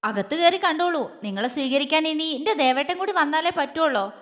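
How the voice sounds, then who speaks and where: A woman voicing a calm, stern young wife who speaks coolly and firmly. Her voice is high. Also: a little fast, in a large hall. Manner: cool, firm.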